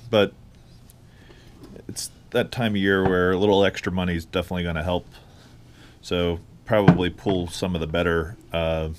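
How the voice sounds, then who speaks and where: Slow, deep-voiced man, rambling. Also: a little hiss or hum. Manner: rambling, hesitant, many fillers. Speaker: online reseller. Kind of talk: casual tour narration. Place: small home workroom. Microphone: head-mounted action camera.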